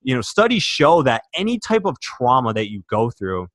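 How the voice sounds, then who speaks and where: A man's voice: medium pitch, big pitch swings, moderate pace, a bit bright, dry recording, studio quality. A young man from Michigan, a podcast guest, telling his personal story earnestly and emotionally, with many fillers and restarts. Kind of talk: candid interview storytelling.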